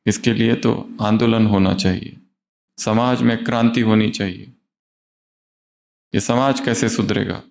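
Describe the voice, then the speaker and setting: A man's voice: fairly low pitch, steady tone, measured pace, gravelly, long pauses, darkish tone. A man voicing a male communist agitator who declaims and calls for revolt. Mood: rousing.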